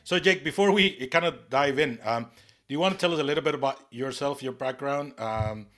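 A man's voice: medium pitch, brisk, music in the background. Man, podcast host, rambling, mid-range voice. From Costa Rica. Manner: enthusiastic, rambling, many fillers. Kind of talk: casual podcast hosting.

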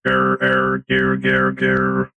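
A man voicing a stiff robot that stands in for a missing co-host, speaking in flat, clipped sentences. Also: rumbling low, slow pace, pitched below the performer's own voice, exaggerated voice. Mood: deadpan robotic. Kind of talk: comedic podcast bit.

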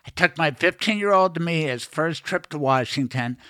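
A man's voice: a little high, lively intonation, normal speed, bright, forceful tone, clean tone, no echo, clean studio sound. A middle-aged man hosting a podcast, chatting casually with a guest, telling anecdotes and giving strong opinions. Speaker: podcast host. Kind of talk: casual interview chat.

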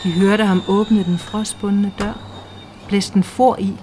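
A woman reading a literary short story aloud in a slow, hushed, measured way. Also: mid-range voice, little pitch movement, slight background noise. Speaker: reader. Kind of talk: scripted literary narration. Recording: faint music underneath.

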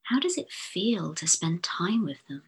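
A woman, a fertility therapist, speaking a whispered guided visualisation in a slow, soothing, hushed delivery. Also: on the low side, big pitch swings, slightly rough.

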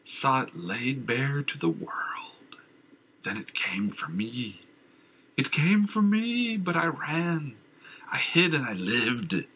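A man voicing a haunted, raving madman who leaps between shrill cries and rasping whispers. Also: very animated, slow, pushed and bright, exaggerated voice, rough recording. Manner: wild cackling ravings, drops to rasping whispers. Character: raving mad old man, haunted and twitchy.

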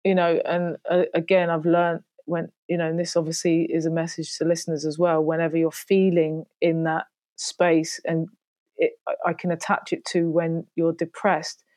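Low warm-voiced woman, candid and reflective. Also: monotone, moderate pace, no echo. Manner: open, reflective, frequent "you know". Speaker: guest, singer and podcaster. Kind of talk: candid interview talk.

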